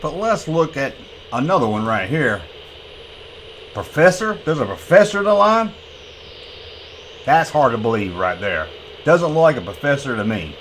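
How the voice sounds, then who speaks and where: Hosting a toy review video, this folksy man has a slightly bright voice on the high side and talks casually, repeats himself, and throws in playful CB slang. The audio is poor, with faint background noise.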